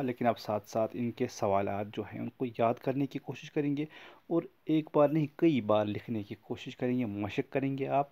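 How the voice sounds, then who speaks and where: A man records a lesson for young pupils, speaking in a fairly low register. He explains each word patiently and repeats key points so that children can follow. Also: vocal fry, warm tone. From Kashmir. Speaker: teacher.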